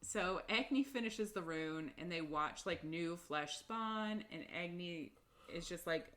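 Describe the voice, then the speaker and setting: This podcast co-host speaks at a fairly low pitch, unhurried, with a fairly bright tone. Retelling chapters on a casual book show, she's chatty, laughs frequently, and leans heavily on "like" and "um."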